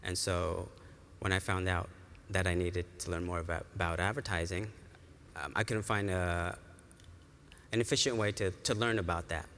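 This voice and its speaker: A man's voice: sits low, fairly even intonation, moderate pace, fairly bright tone. A man from East Africa who grew up in California, answering interview questions earnestly with fillers. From East Africa, raised in California. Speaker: student guest. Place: large conference hall. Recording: reverberant hall, faint room noise.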